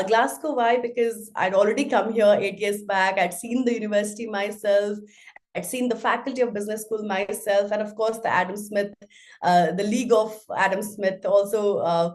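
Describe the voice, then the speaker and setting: A woman's voice: mid-range voice, darkish tone. A woman, a podcast guest speaking thoughtfully in a casual interview, with frequent fillers and restarts. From Nepal.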